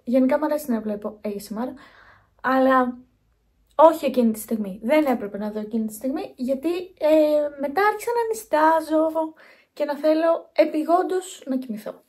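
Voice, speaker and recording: A woman's voice: sits high, darkish tone. A young woman vlogging in a chatty, rambling way, talking straight to her viewers on a phone held at arm's length. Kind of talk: casual vlog chat.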